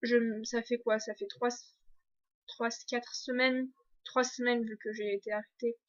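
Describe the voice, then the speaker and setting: A woman's voice: on the high side, little pitch movement, unhurried. Chatty young French woman, lo-fi sound. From France. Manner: chatty, many restarts and fillers. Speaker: exchange student vlogger. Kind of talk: casual video diary.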